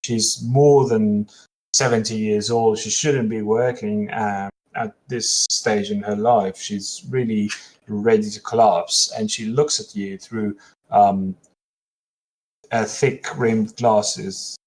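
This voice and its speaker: A man narrating a tabletop role-playing scene as game master, halting with many fillers and restarts. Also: fairly low pitch, steady tone, a little mellow, rough recording.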